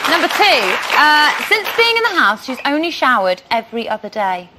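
A woman hosting a studio chat show, lively and teasing. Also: sits high, moderate pace, a loud crowd. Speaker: host. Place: TV studio with live audience. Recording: loud studio audience and noise.

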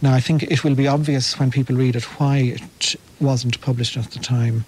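Flat-toned enthusiastic male researcher. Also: medium pitch, normal speed, slightly rough, low-quality recording. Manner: enthusiastic, anecdotal, slight restarts. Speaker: literary researcher guest. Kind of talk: conversational radio interview.

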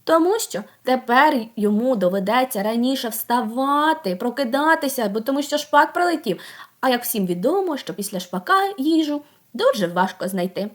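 A woman teaching a group of young children, asking coaxing questions, praising them and sounding out words slowly. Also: high-pitched, animated. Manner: slow, drawn-out sounding out of words. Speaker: preschool teacher.

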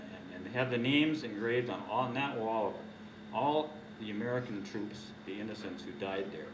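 An older man reading his own poem at an open mic night, earnest and indignant, with halting restarts. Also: fairly low pitch, background noise. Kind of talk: poetry reading. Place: dark stage of a small venue. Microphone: stand mic, recorded from a distance. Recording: distant roomy venue recording, dull sound.

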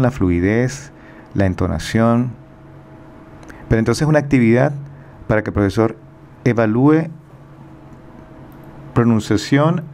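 Calm methodical man giving feedback. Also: medium pitch, a little hiss or hum. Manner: calm, methodical, thinks aloud with fillers. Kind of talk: recorded feedback on a student's project.

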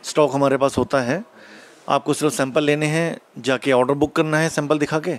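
A middle-aged man, a shop owner, answering interview questions calmly in an indoor office, speaking into a handheld mic held out by the interviewer. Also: a little high, brisk.

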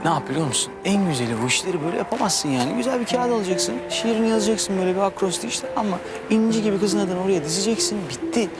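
A man's voice: high voice, animated, very fast, hardly any pauses, loud music behind the voice. A young adult man playing an exasperated guy stuck in a friend's dream, complaining and pleading. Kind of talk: sitcom acting.

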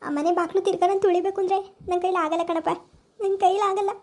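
A woman's voice: very high-pitched, level tone, quick pace, darkish tone. A woman voicing a grieving older mother-in-law who pleads through tears in a village family drama. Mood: tearful lament. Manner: pleading, sobbing complaints. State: crying.

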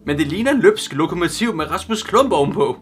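A man voicing a chatty pelican from a children's storybook, in a lively, raised voice. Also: a little high, breathy edge, soft background music.

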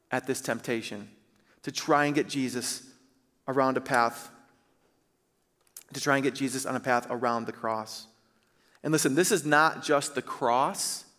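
A man in his thirties, a pastor preaching on a church stage, earnest and emphatic, slowing to stress key phrases. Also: mid-range voice, fairly bright tone. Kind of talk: sermon. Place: large church stage, indoors. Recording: reverberant church hall.

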